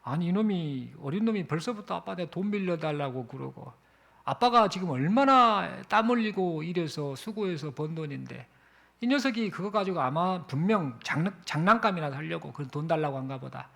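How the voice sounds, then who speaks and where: A man doing a busy father, slow and weighty. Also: fairly high pitch, animated, gravelly, fairly bright tone. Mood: scolding. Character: busy father, stern then remorseful.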